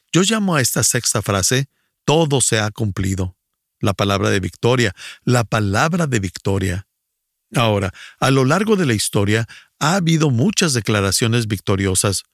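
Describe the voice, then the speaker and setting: A man's voice: fairly low pitch, dry recording, studio quality. A male preacher giving a broadcast sermon, emphatic and repeating his key phrases.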